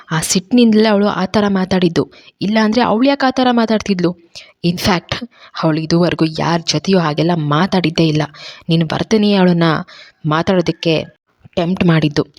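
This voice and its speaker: A woman's voice: mid-range voice, darkish tone, no room sound, studio quality, close to an everyday voice. A woman storyteller voicing a middle-aged mother who scolds her son-in-law in a grave, firm tone.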